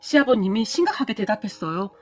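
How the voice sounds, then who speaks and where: A woman's voice: mid-range voice, very animated, fast talker. Woman reading a story aloud, dramatic, voice jumps around a lot. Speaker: story reader. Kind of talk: storytelling narration.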